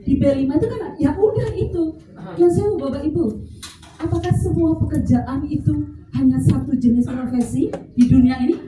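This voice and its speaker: A woman's voice: sits high, normal speed. Javanese-accented woman lecturing in a hall. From Central Java. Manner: animated, joking, slips into Javanese phrases. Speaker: workshop speaker for teachers. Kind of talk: lively lecture to an audience. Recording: echoey hall, mic at a distance, faint noise.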